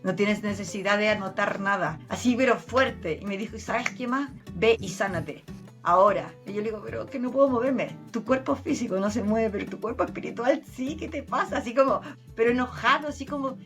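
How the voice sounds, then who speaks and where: A woman with a Chilean accent, a therapist and medium, recounting her experiences as an interview guest with earnest, animated storytelling. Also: fairly high pitch, fairly quick, soft background music. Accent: Chilean Spanish. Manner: earnest, animated retelling with many restarts.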